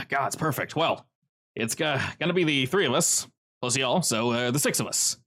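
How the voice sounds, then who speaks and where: A man voicing an excitable young man who stammers and rushes through his words at a reunion. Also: medium pitch. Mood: relieved.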